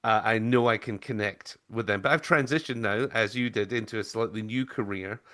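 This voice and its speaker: A man hosting a podcast, speaking in an earnest way and telling stories from his own teaching. His voice sits low but has a bright, forceful edge. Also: brisk. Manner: earnest, storytelling. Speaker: podcast host, former teacher. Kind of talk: casual interview talk.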